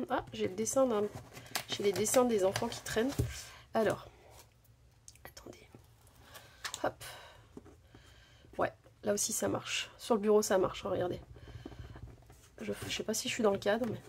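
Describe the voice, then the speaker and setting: With a mid-range, slightly mellow voice and slight background noise, a crafting channel host walks through her latest haul at her home craft desk. Her talk is chatty and loose, packed with fillers and self-corrections.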